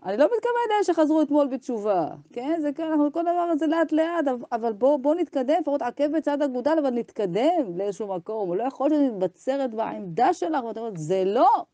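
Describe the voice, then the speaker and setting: A woman's voice: high-pitched, lively intonation, hardly any pauses, dark tone, dry recording. A woman teacher giving an impassioned Torah ethics lesson to women, arguing with rhetorical questions and acting out imagined dialogues.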